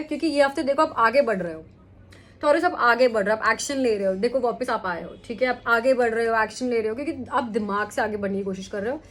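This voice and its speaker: A young adult woman doing a casual weekly tarot reading, chatty, mixing English into her talk and checking in with the listener often. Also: fairly high pitch. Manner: chatty, mixes English into Hindi, repeats "ठीक है?". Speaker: tarot reader.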